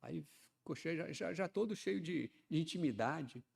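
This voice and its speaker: A man, preaching a sermon in a chatty style that swells into loud, fervent emphasis. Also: fairly high pitch, lively intonation, moderate pace, gravelly, husky. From Ceará, Brazil. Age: 50s. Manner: conversational preaching, often adds "né", builds to loud fervent emphasis.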